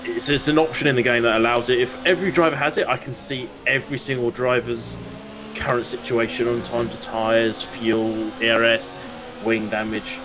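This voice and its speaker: A man commentating live on an online racing league, getting excited during close moves. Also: medium pitch, moderate pace, rough recording. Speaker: race commentator.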